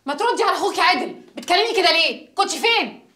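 A woman's voice: extremely high pitch, expressive, very fast, pushed and bright, heavily acted. An actress with an Egyptian accent playing an exasperated mother who scolds her daughter in a TV drama. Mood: scolding. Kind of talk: TV drama dialogue.

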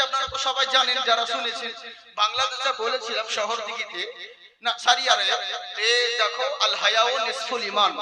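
A man preaching a sermon at a large gathering into a stage microphone, talking fast, asking rhetorical questions, joking and often shouting. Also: extremely high pitch, roomy sound.

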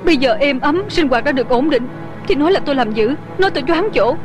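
A fierce, proud young tea-shop owner. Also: female voice, high-pitched, animated, fast talker. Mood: tearful. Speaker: voice actress. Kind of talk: Vietnamese dub of a Hong Kong TV drama. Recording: dubbed voice over music score.

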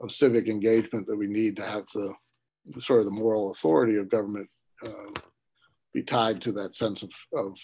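Husky-voiced host asking a halting question. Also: male voice, fairly low pitch, a little mellow. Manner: halting, searching for words, trailing phrases. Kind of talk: webinar interview question. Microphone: video call.

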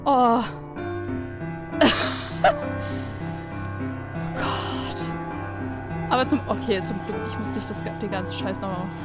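A woman's voice: medium pitch, takes it slowly, pauses often, poor audio. A woman giving let's play commentary, easily frightened, swearing often and shrieking when scared. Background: game music.

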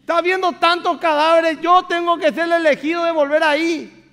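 A man's voice: extremely high pitch, level tone, moderate pace, fairly bright tone, voice pushed up. A man preacher voicing Lazarus, a dead man happy in heaven who pleads not to be sent back, in a whiny comic tone. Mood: pleading.

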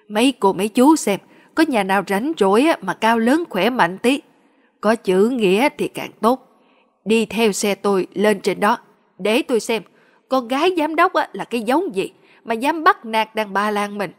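A woman's voice: fairly high pitch, expressive, moderate pace, close to an everyday voice. A woman reading a story aloud, voicing a middle-aged village man who speaks bluntly and angrily. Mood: furious. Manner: blunt, fiery. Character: gruff angry middle-aged village uncle.

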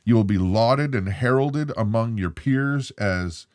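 A man's voice: on the low side, a little slow, darkish tone, dry recording, clean studio sound. A middle-aged man co-hosting a casual live stream from his living room, reading viewer comments in a playful, showy way. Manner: playful, showy announcer delivery. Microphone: desk microphone on arm.

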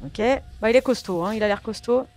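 Briskly and in a mid-range, darkish voice, she narrates her gameplay for the channel, griping at the game and swearing at it a little. Her chat with viewers is easy and friendly, as though talking to pals.

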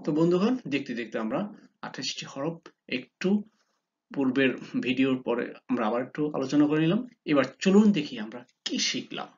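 A man leads a beginners' pronunciation lesson, drawing each letter out slowly and coaxing his listeners to guess and repeat. His pitch rises and falls a lot as he prompts them. The recording is dull and lo-fi. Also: animated. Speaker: Quran reading teacher.

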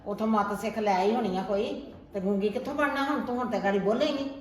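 Woman acting as a scolding older mother-in-law, quick retorts, fast speech, echoey room, faint noise. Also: mid-range voice, close to an everyday voice. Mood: taunting. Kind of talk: amateur family drama skit.

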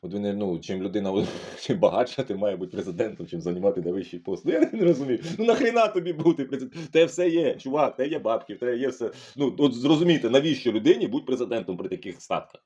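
A man's voice: mid-range voice, lively intonation, quick pace, warm tone, husky, lo-fi sound. A middle-aged man giving a profane, heated and sarcastic monologue as a political commentator. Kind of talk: ranting monologue.

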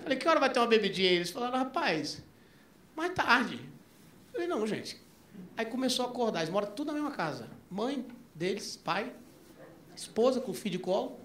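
A man doing stand-up, telling a long story and acting out both sides of the dialogue, his voice jumping up into near-shouts at the punchlines. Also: extremely high pitch, sing-song, a little fast. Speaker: stand-up comedian. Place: comedy club stage before a live audience. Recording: echoey club with crowd noise and laughter.

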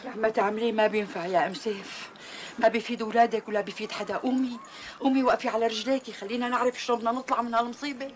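An actress playing a firm friend who urges a mother to stay calm. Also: a little high, racing, slight background noise, close to an everyday voice. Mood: urgent. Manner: firm, urgent. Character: steady friend urging calm. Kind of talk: TV drama acting.

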